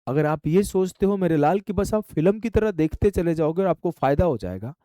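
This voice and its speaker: A man teaching a math lesson, briskly counting out digits and coaxing his students along. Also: fairly high pitch, animated, warm tone, dry recording, clean studio sound. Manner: brisk, drills numbers aloud, coaxing students. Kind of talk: classroom-style math lesson.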